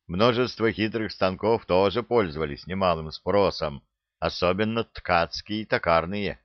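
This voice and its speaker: A man with a deep voice reads an audiobook at an unhurried pace, measured and even throughout. The sound is close and dry, a little dull and muffled. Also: dry recording. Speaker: audiobook narrator. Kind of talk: audiobook narration.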